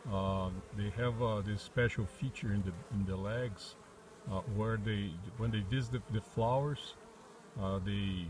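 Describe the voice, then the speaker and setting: In this casual vlog, a Brazilian channel host who keeps bees walks viewers through the hives in his wooded backyard. He talks a little slowly in a lowish, fairly even voice with a Brazilian Portuguese accent, hesitating often with "uh" fillers and restarts. The background is noisy.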